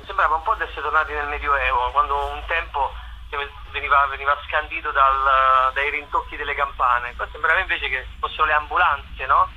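A man with a fairly high, steady voice talks briskly about his show in a conversational radio interview; he's an actor and playwright who often repeats the openings of phrases. The audio is narrow and tinny, carrying a little hiss or hum.

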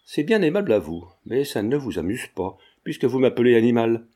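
A sly, affable old retired druggist who pretends to be deaf, read by a man. He talks in an ordinary pitch with a dark, mellow tone, like a character in a storybook. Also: sing-song, a little fast. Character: genial old retired druggist, feigning deafness.

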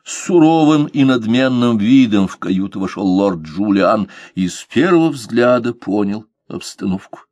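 Low-voiced male audiobook narrator. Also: lively intonation, a little slow, hardly any pauses, a little mellow, no echo. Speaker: audiobook reader. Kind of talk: scripted narration of an adventure novel.

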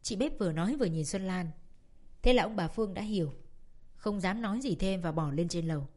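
A woman narrating a family drama in a steady, expressive audiobook reading. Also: lowish voice, fairly quick.

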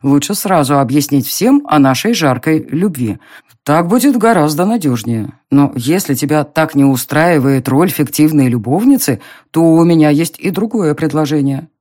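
A narrator playing a smug young nobleman who mocks and teases in an audiobook reading, with a slow, drawling, low delivery. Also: animated, darkish tone, lightly acted. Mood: mocking.

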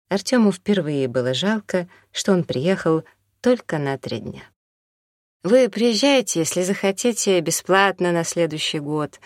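A woman narrating an audiobook in an even, measured reading. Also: low voice, no echo, studio quality.

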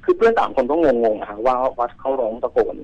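Husky fast-talking man telling a ghost story. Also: medium pitch, big pitch swings, dull audio. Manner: rambling, repeats words, many fillers; acts out the quoted shouts. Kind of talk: casual spoken storytelling.

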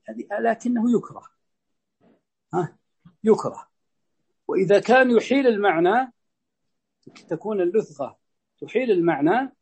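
High-voiced husky male religious teacher. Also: darkish tone. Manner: measured, demonstrates pronunciations aloud. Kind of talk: explaining a legal text in a lesson.

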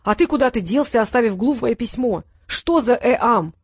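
A woman's voice: fairly high pitch, animated, normal speed, slightly rough, no echo, clean studio sound. A woman reading an audiobook voices a tired, grumpy old male wizard who speaks with exasperated sarcasm. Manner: exasperated, sardonic.

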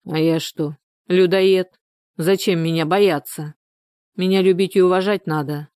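A woman reading a storybook, voicing a blunt, surly village man in a curt, rough manner. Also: fairly low pitch, fairly even intonation, a little slow, warm tone, dry recording, clean studio sound, close to an everyday voice. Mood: gruff.

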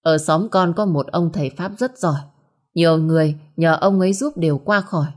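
A woman voicing a meek, slow-spoken young daughter-in-law in a storybook. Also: low-pitched, lightly acted. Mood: deferential. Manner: slow, deferential.

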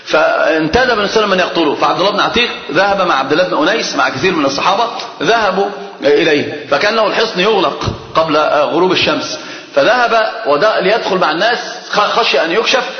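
A male scholar teaches a religious class in a high-pitched, rapid-fire voice with lively intonation, telling animated stories and quizzing his students. The sound is echoey, as in a hall, and dull and lo-fi.

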